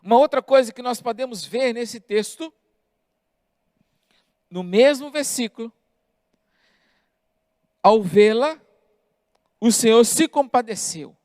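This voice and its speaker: A man preaching a sermon as a pastor, with deliberate delivery and emphatic pauses. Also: very high-pitched, darkish tone, no echo, clean studio sound.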